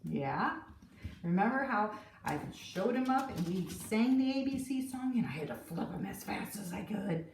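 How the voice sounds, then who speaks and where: A woman teacher reading a picture book to young children in a gentle, encouraging way. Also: mid-range voice, expressive, normal speed, creaky, far from the mic, slight background noise. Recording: roomy echo.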